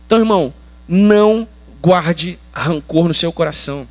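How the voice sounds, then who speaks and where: A man's voice: on the high side, moderate pace. A Brazilian man preaching a sermon as pastor, colloquial and emphatic, with slangy asides. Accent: Brazilian Portuguese.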